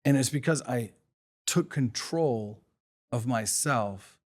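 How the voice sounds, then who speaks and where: A man's voice: mid-range voice, slow. A middle-aged man hosting a solo motivational podcast, reflective, asking rhetorical questions and drawing on his own life. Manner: reflective, asks rhetorical questions, talks from personal experience. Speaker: podcast host.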